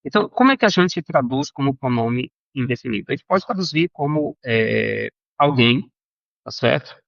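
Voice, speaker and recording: A man teaching a recorded Greek grammar lesson, halting with fillers and self-corrections and often checking in with his students. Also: mid-range voice, animated, vocal fry, no echo, lo-fi sound.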